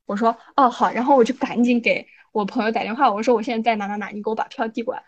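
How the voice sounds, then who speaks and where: A woman co-hosting a podcast, telling a story in a casual, animated way and often checking in with her listener. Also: on the high side, racing. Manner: animated, frequent "你知道吧" asides. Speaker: podcast co-host.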